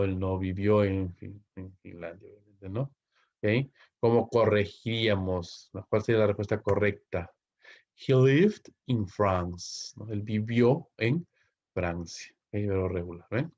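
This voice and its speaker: A fairly low-voiced man from Peru gives a recorded English grammar lesson in Spanish. He walks through each example, checks in with his students constantly and slows down to read the English sentences carefully. The recording sounds dull and lo-fi. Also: steady tone, darkish tone. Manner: explains step by step, asks students questions and keeps checking with "¿ok?"; reads English example sentences slowly and clearly. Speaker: English teacher.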